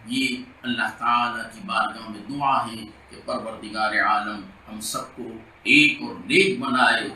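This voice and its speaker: A man, an imam from India, leading a Friday sermon supplication in slow, drawn-out chanted lines, recorded in a mosque. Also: lowish voice, fairly even intonation, pushed and bright, reverberant, recorded from a distance, slight background noise, poor audio.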